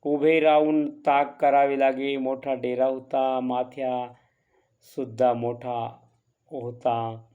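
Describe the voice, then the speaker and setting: A man reading a classic story aloud in a measured, earnest way. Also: medium pitch, little pitch movement, clear, resonant tone, narrow, tinny audio.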